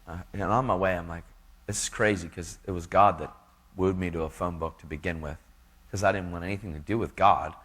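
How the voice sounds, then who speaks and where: A man's voice: sits low, fairly even intonation, fairly quick, a bit bright, husky. A man giving an earnest, casual testimony in a preaching style, full of slang.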